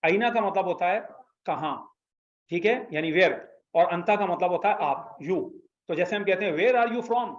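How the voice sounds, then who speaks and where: Here the Arabic teacher's voice sits high and moves at a moderate pace. The room echoes and the audio is a bit dull as he patiently explains and has the class repeat after him.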